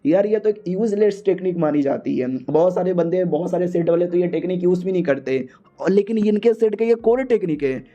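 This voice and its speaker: A man with a high, mellow, natural voice speaks fairly quickly, voicing a confident, bossy young male martial arts hero. His tone is casual yet commanding, and the audio is muffled and lo-fi.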